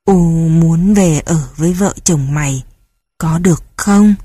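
A woman voicing a stern, foul-mouthed elderly mother who gives commands and wails in lament, slowly and huskily. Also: low-pitched, warm tone, breathy edge, dry recording, clean studio sound. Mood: gruff. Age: older.

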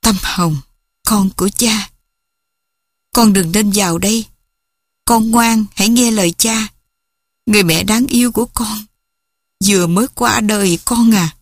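A woman's voice: medium pitch, no room sound, studio quality. A woman voicing a grieving father whose voice is choked as he speaks to his small daughter. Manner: choked, halting.

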